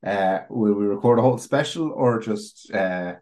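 A man's voice: on the low side, moderate pace, a little mellow. A man in casual podcast chat, dry and jokey with some swearing. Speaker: podcast co-host.

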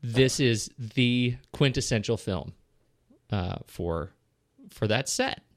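A man's voice: medium pitch, animated, slow pace, no echo, clean studio sound. A middle-aged man co-hosting a podcast, chatting about a film in a rambling, self-interrupting way. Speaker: podcast co-host. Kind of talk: casual film discussion.

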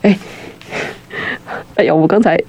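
A young man, guest-hosting a casual radio chat in a studio, talking fast and rambling with nervous restarts. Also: high-pitched, vocal fry, a little mellow, slightly rough, highs cut off. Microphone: studio mic with headphones.

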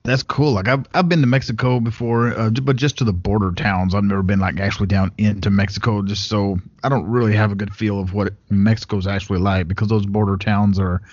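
A podcast host chats in an easygoing, relaxed way. His voice sits a little low. The sound is close and dry, with no room echo. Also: a little fast, few pauses, highs cut off. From United States. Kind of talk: casual interview chat. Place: Dallas, Texas.

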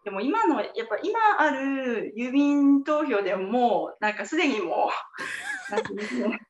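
A woman guest explaining her campaign in a casual interview, measured and full of fillers. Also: on the high side, sing-song, noisy background. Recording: roomy, dull remote call audio.

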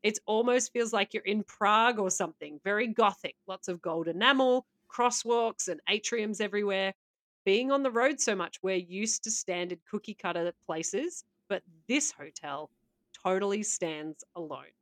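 A woman's voice: mid-range voice, normal speed, fairly bright tone. A woman co-hosting a casual podcast, reading out stories with playful asides and laughter. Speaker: podcast co-host.

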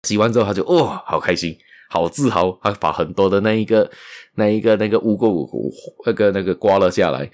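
A man telling a moral story in a casual, unhurried way, often repeating words and trailing off with particles. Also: on the low side, darkish tone.

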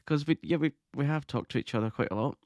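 A man hosting his own podcast, talking in a chatty, excitable way and laughing often. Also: mid-range voice, fast, dry recording, muffled recording. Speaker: podcast host. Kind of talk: casual monologue podcast.

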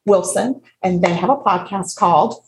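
A woman in her fifties co-hosting a podcast in casual chat, laughing often and talking excitedly. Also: lowish voice, moderate pace, slight background noise, poor audio. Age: 50s. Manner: laughs often, animated and exclamatory. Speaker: podcast co-host.

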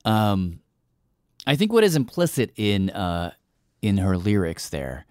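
Low-voiced male radio host, dry studio. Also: big pitch swings, slow pace, a little mellow, smooth, dry recording. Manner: thoughtful, hesitant with fillers. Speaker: podcast host. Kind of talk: radio storytelling introduction.

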